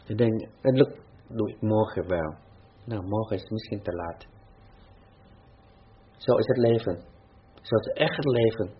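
Husky low-voiced man giving a dharma talk. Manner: slow, repetitive, frequent restarts and fillers. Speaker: Buddhist teacher. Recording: dull lo-fi recording.

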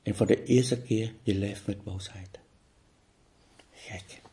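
A man giving a contemplative spiritual talk, speaking slowly and repetitively with pauses, sometimes dropping to a near-whisper. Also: fairly low pitch, steady tone, dark tone. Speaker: spiritual teacher.

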